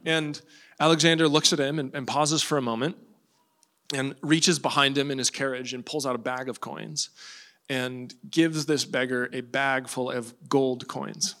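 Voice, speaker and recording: A man's voice: mid-range voice, normal speed. A man preaching a sermon, telling stories and acting out the voices of the people in them. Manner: animated storytelling with acted-out quotes.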